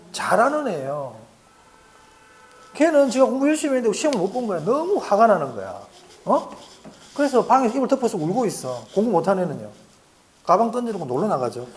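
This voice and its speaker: A man's voice: high-pitched, a little hiss or hum. A middle-aged man giving an exam-prep lecture in a chatty manner, often asking the class questions and answering them himself, and repeating key points for emphasis.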